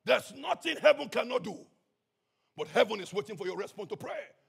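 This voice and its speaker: High gravelly impassioned preacher, man. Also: very animated, fairly quick. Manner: impassioned preaching, swinging from shouts to hushed tones. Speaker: pastor. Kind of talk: sermon.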